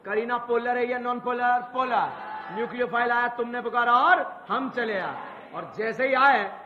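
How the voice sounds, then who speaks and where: Loud, high-pitched male chemistry teacher quizzing. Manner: quizzing students, repeating answers with call-and-response; bursts of loud shouted emphasis. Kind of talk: exam-prep lecture. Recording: echoey hall, muffled lo-fi sound.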